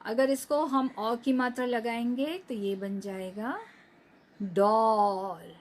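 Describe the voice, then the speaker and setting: A woman teacher giving a recorded class lesson to young children, drawing out each word slowly so they can repeat it after her. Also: a little high, a little mellow.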